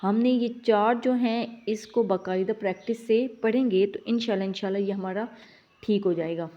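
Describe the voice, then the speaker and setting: A woman teaching Quran recitation, explaining each sound patiently and drawing out the model sounds slowly. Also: medium pitch. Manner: drawn-out model sounds between plain explanations. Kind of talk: slow, patient recitation lesson. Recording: slightly dull lo-fi audio.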